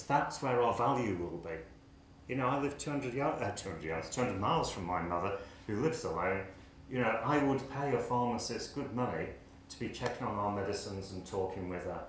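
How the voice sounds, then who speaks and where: Older English man, low voice, lively wry conference talk, very echoey lecture hall, faint background noise. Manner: animated, gesturing, wry and impassioned. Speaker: pharmacy academic speaker. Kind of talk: conference speech. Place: lecture hall, indoors, at a lectern.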